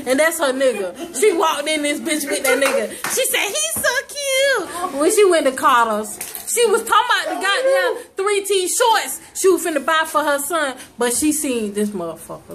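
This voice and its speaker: A young woman filming on her phone, loudly teasing and cussing, often laughing. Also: high voice. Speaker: person filming. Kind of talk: casual vlog banter.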